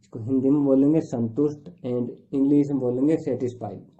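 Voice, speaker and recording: Man slowly teaching words over a tinny line. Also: mid-range voice, steady tone, warm tone. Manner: slow, repetitive listing of words with translations. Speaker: language teacher. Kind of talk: word-by-word vocabulary lesson. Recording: tinny phone-like recording.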